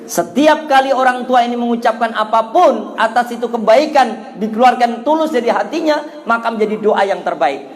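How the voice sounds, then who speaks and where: A man's voice: extremely high pitch, normal speed, hardly any pauses. A middle-aged man with a Javanese accent giving an Islamic sermon, telling a childhood story and acting out the voices in it. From Java, Indonesia. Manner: animated storyteller who acts out childhood voices. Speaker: Islamic preacher.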